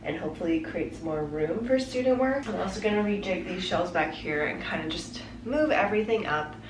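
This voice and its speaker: A woman's voice: lowish voice, animated, brisk, roomy sound, background noise. A woman vlogging from her pottery studio, casually thinking aloud with lots of fillers. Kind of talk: casual vlog narration.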